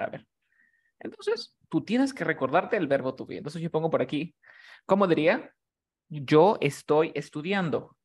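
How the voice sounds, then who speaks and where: A man teaching a class, explaining rules patiently and often checking that his student has understood. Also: a little high. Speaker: English teacher.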